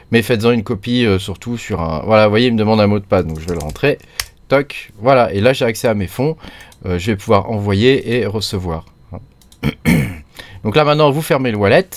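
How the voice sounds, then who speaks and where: Chatty low-voiced man explaining software. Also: no echo. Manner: chatty, rambling, many "hein" and "euh" fillers. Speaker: crypto tutorial host. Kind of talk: casual screen-recorded tutorial.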